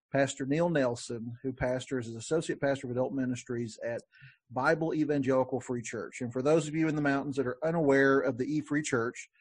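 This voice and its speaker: A man hosting a podcast in a relaxed, conversational way, with frequent fillers and restarts. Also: medium pitch, husky, no room sound. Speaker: podcast host. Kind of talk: casual podcast talk.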